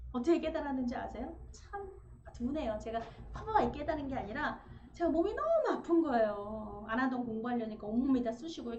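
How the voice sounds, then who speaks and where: Woman preacher, high voice, animated storytelling, echoey sanctuary, slightly muffled livestream. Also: a little hiss or hum. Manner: animated storytelling, acting out family dialogue. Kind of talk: sermon. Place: church sanctuary.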